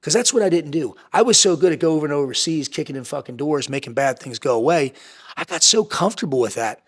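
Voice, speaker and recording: On a candid podcast, this guest, an entrepreneur and ex-Navy SEAL, has a slightly high voice with lively intonation. He's blunt and intense, cursing a lot and hammering his points home by repeating them, and he swings from fast bursts to slow, stretched-out phrases.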